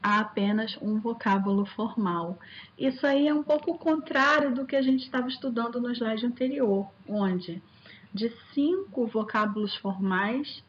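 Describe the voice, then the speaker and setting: Slightly high-voiced woman teaching linguistics. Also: highs cut off, slight background noise. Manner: explains step by step with repeated rhetorical questions; addresses viewers directly and warmly as students. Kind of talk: recorded online lecture over slides.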